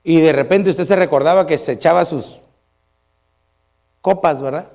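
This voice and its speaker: A middle-aged man delivers a sermon as a pastor. His voice sits high for a man and carries a gravelly rasp. He keeps the congregation engaged through animated storytelling and playful asides. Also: normal speed.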